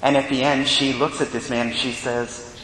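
A priest reads scripture and preaches in a measured, earnest voice. His words ring out in a cathedral echo that hangs in the large church, and a faint low rumble sits underneath. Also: level tone, a bit bright. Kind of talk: gospel reading and homily.

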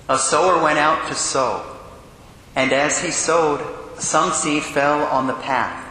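A man, a priest, reads the gospel and preaches a sermon in a large church, in a measured, solemn way, and his voice rings with cathedral echo. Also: mid-range voice, bright, forceful tone. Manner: measured, solemn reading that turns earnest and quick in the homily. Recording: cathedral echo with long reverb, faint hum.

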